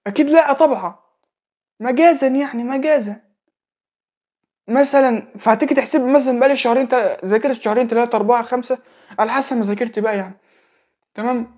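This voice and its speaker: Extremely high in pitch and slightly mellow, this young man speaks fast yet stops often. He's a religious advice speaker in his late teens with an Egyptian Arabic accent, keeping it casual while repeating phrases and checking in with the listener.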